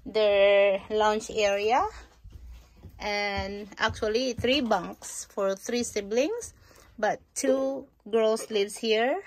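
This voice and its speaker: With a phone held at arm's length, a middle-aged woman vlogging for her family slowly narrates a casual home tour of an RV trailer, both inside and just outside. Her voice is mid-range.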